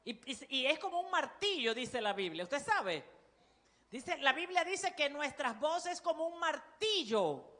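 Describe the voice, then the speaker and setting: A woman pastor with a Panamanian Spanish accent, preaching a sermon in a loud, forceful voice that calls on the congregation to repeat after her. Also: sits high, sing-song, unhurried, long reverb tail.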